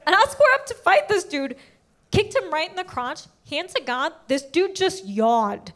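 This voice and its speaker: Young female stand-up comic, high-pitched, brash and quick, punchline-driven. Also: very animated, fairly bright tone. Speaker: stand-up comedian. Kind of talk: stand-up comedy set. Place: stage before a live audience.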